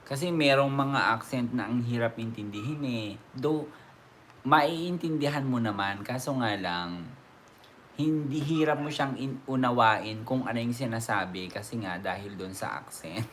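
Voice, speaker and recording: A man's voice: mid-range voice, measured pace, a bit bright, slight background noise. A man with an Ilocano accent, chatting casually with viewers as a vlogger, rambling along with frequent laughs. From Ilocos region, Philippines. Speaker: vlogger host. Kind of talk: casual chat answering viewers.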